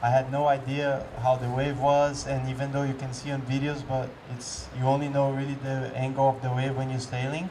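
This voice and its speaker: A man's voice: mid-range voice, completely flat delivery, brisk, hardly any pauses, a little mellow. A man, a pro windsurfer, answering questions in casual talk, hesitant with many fillers and restarts. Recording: distant mic with faint outdoor noise.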